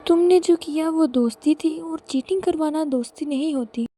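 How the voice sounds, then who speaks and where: A woman voicing a kind older sister who advises her younger brother gently. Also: high voice, lightly acted. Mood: gentle.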